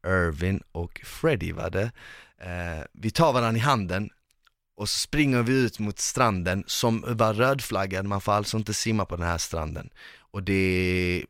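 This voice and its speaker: Low-voiced man telling a story, dry sound. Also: no echo. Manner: lively, rambling, with many fillers. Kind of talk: casual storytelling.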